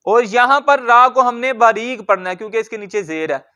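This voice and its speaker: A man with a very high, bright voice leads a Quran recitation lesson. His tone is smooth and clear, and he drills each word slowly, asking questions and then answering them himself. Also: animated.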